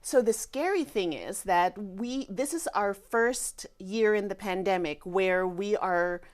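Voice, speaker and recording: A woman's voice: mid-range voice, slow pace. A woman speaking as a guest physician in a conversational interview, telling things emphatically and voicing what people said.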